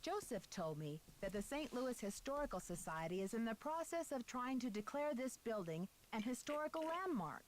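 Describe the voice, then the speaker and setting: An actress playing an earnest, upright young female detective in a mystery game, questioning crisply. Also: a little high, very animated, moderate pace, few pauses, slight background noise, low-quality recording. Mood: probing. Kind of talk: video game voice acting.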